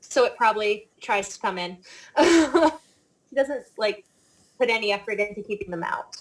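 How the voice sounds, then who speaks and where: A woman's voice: medium pitch, lively intonation, moderate pace, rough recording. A woman playing a tabletop game, talking in a hesitant way with many fillers. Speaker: player.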